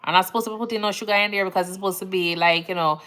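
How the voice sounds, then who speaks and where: Talking rapid-fire in a medium-pitched voice, a Jamaican nurse runs a casual livestream where she reads out viewer comments. Her accent and phrasing are Jamaican, and she's easygoing, talkative, and laughs easily.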